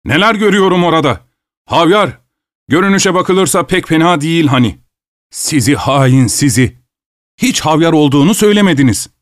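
A man's voice: mid-range voice, expressive, moderate pace, dry recording, studio quality, natural voice. A man voicing a greedy, tactless male dinner guest with a boisterous, self-satisfied manner. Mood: gleeful.

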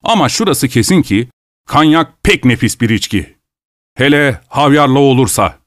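A man's voice: mid-range voice, lively intonation, moderate pace, fairly bright tone, dry recording, clean studio sound, close to an everyday voice. A man voicing a greedy, tactless male dinner guest with a boisterous, self-satisfied manner. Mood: smug.

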